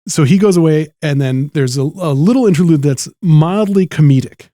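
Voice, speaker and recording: A man with a somewhat high but mellow voice tells stories in a relaxed interview. He jumps between thoughts, restarts sentences and slips into quoted voices. The sound is close and dry. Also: normal speed, dry recording. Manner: animated anecdotes with quoted voices and laughs, many restarts. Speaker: guest, noh theatre performer. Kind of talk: casual interview storytelling.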